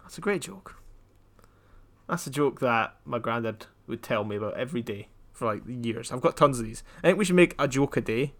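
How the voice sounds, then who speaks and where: Deadpan rambling young man. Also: medium pitch, brisk, few pauses. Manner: deadpan, rambling joke-telling. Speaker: podcast co-host. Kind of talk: casual chat.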